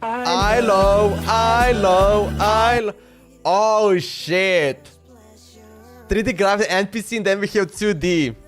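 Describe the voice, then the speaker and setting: Taking it slowly in a high voice, a man livestreamer reacts with casual, slangy exclamations and frequent repetition. Music sits beneath his voice throughout the stream chat.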